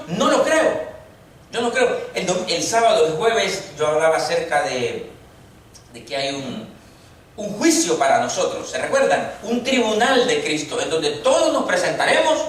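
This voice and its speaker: A man preaches to his congregation, often asking them questions. His voice sits fairly high for a man. He is heard from some distance in a very echoey church with faint room ambience. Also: a bit bright, a little hiss or hum. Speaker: pastor. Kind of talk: sermon.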